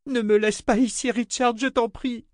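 A woman's voice: a little high, steady tone, normal speed, a little mellow, dry recording, studio quality, pitched above the performer's own voice, lightly acted. A man doing a terrified young woman, pleading. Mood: panicked pleading. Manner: pleading, panicked.

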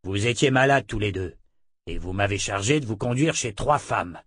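Morose giant coachman, gruff and grumbling, exasperated, loud, read by a man. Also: fairly low pitch, expressive, moderate pace, no echo, studio quality. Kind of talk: audiobook character voice.

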